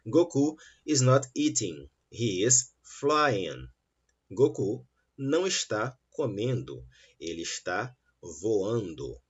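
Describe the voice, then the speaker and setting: A man teaching an English lesson, saying model sentences slowly and clearly between quicker explanations. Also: lowish voice, big pitch swings. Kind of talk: online English lesson for Portuguese speakers. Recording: dull, lo-fi sound.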